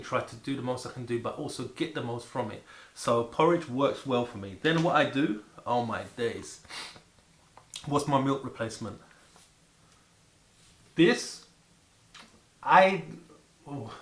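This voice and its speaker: A man chatting casually and excitedly to camera about food, rambling and repeating words for emphasis. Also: mid-range voice, normal speed, long pauses. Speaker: vlogger presenting food to camera. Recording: echoey room with faint background noise.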